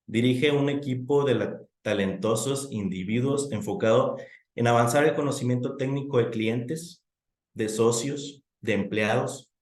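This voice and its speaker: A man's voice: mid-range voice, darkish tone. A man moderating an online session, announcing the format and then introducing the guest speaker. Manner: friendly, scripted announcements. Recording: roomy echo.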